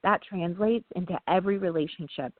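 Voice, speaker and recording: A woman appears as a guest in her role as a parenting trainer, explaining ideas casually with a lowish voice. She pauses often on "um" and checks in with a tag "right?" in relaxed, interview-style talk. The line sounds tinny and phone-like, with a dry recording.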